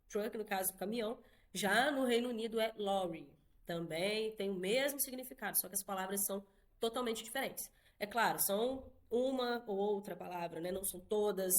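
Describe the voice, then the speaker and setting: A Brazilian woman teaching an online English lesson in a casual, chatty way, often checking in with quick tag questions. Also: mid-range voice. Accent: Brazilian Portuguese.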